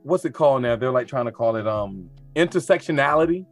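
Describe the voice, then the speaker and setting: A man who teaches high school students, talking casually in an interview and reflecting with lively colloquial asides. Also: a little fast, vocal fry, soft background music.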